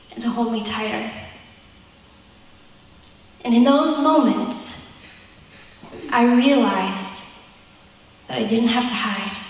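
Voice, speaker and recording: A young woman telling a personal story in a youth sermon, slowing down tenderly at key moments. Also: fairly high pitch. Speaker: youth speaker. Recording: echoey hall from far off.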